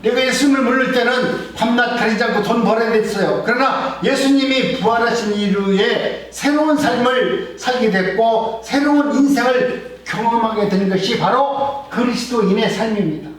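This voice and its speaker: A high-voiced middle-aged male pastor preaches earnestly, his volume swelling and then sinking low. He sounds set back from the mic, and his words ring through a very echoey church hall. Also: moderate pace, few pauses, distant mic. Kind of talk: sermon. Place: church sanctuary.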